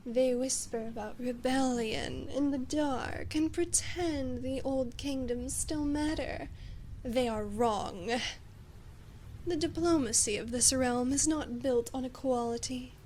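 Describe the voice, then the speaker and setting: Measured menace runs through this scripted ASMR monologue, where a woman with a high, mellow voice plays a haughty, domineering demon queen speaking to her human knight. She's imperious and condescending, at times slipping into breathy whispers. The recording is low quality with slight background noise.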